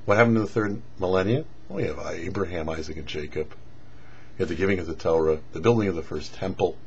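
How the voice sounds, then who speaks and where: A man with a low-sitting voice speaks fairly quickly as a rabbi presenting a weekly Torah portion show, teaching didactically in short, emphatic phrases of religious commentary. The audio is dull and lo-fi with faint noise.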